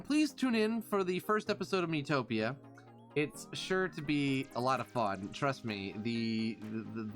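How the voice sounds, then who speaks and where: A man's voice: medium pitch, a bit bright. Man, game streamer, casual chatty talk, thanking followers, faint music behind. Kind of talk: casual live-stream chat.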